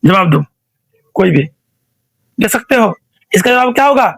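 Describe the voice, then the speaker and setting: A man's voice: high voice, animated, measured pace, creaky, a bit bright, dry recording, rough recording. A male teacher running an online revision quiz, asking each question again and again and prompting students to answer.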